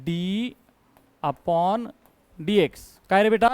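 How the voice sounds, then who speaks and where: A man teaching math in a classroom, drilling students to answer out loud, scolding and joking as he mixes in English terms. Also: high-pitched, very slow, smooth, poor audio. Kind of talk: classroom lecture.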